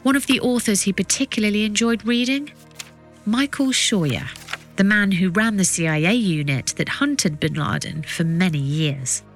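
A woman reading scripted documentary narration as a podcast narrator, with measured, suspenseful storytelling. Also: medium pitch, soft background music.

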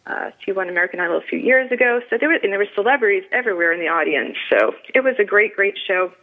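Woman radio host, northern US accent, excitable and gushing, mid-pitched voice, phone-like narrow sound. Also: racing. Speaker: talk show host. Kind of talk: casual radio show chat.

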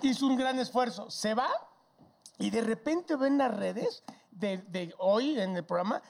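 A man's voice: sits high, unhurried, vocal fry. A man with a Mexican accent on a casual radio comedy chat, joking with exaggeration and lots of slang. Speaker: radio show regular.

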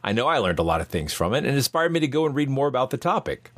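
A man hosting a science podcast in a bright, curious manner, delivering scripted narration articulately. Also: medium pitch, very animated, fast. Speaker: podcast host. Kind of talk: scripted narration and show introduction.

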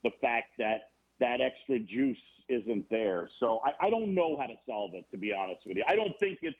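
A man, a baseball broadcaster guest on a podcast, talking in a rambling, animated way with many restarts. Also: medium pitch, normal speed, husky. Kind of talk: casual podcast conversation. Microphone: phone or remote call. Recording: tinny phone line.

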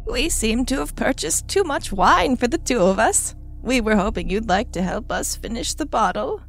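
A woman voicing a friendly older wife next door, polite and gently apologetic. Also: on the high side, animated, moderate pace, gravelly, faint music behind.

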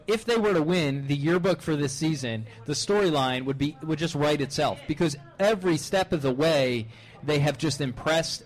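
Guy chatting sports on a podcast, voice on the high side, loose and conversational. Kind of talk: casual sports discussion.

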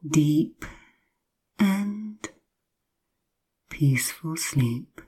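A woman guides listeners through sleep hypnosis as if telling a sleep story, her voice low and airy. The pace is extremely slow, with lengthy silences and drawn-out repetitions, yet her intonation is lively. She keeps things soft and soothing, often slipping into a whisper.

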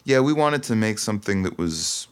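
A singer-songwriter from Toronto, Canada, talks casually and reflectively as a guest in an interview, often hesitating. His voice is fairly low-pitched, expressive, and clean, at a moderate pace.

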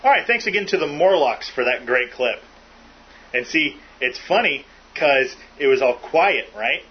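A man with a mid-range, expressive voice hosts a podcast, speaking a little slowly in casual chat as he jokes and rambles with fillers. The recording is muffled and lo-fi with a faint hiss.

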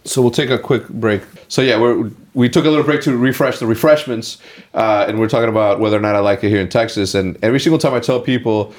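A podcast host in his late thirties leads a casual sit-down chat in a medium-pitched voice, talking fast. He rambles, voices strong opinions and uses lots of filler words.

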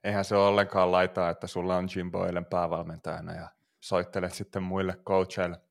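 A man's voice: low voice, little pitch movement, vocal fry. A man co-hosting a casual sports podcast, joking and chatty. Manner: joking, laughs often. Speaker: podcast co-host.

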